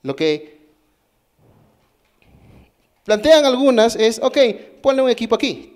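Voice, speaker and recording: Extremely high-pitched, sing-song and slow, with a slightly mellow quality, this Peruvian conference speaker delivers a technical talk in a conference hall. His Peruvian Spanish accent comes through as he explains step by step, quizzes the audience and frequently restarts sentences.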